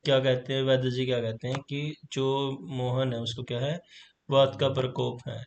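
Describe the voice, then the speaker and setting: A man's voice: medium pitch, flat delivery, normal speed, gravelly. A man teaching a school play for exam preparation, asking questions and then answering them himself. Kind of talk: reading and explaining a play for exam prep.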